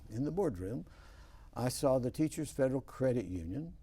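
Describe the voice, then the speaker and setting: A man's voice: medium pitch, animated, normal speed, dark tone, slightly rough. A man hosting a TV interview show in a studio, telling homespun stories in a folksy way. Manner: folksy storytelling. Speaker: host.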